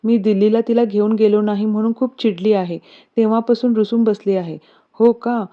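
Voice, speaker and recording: A woman voicing a calm, caring middle-aged mother who talks in a soothing, motherly way, on a dull lo-fi recording. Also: mid-range voice, brisk, natural voice.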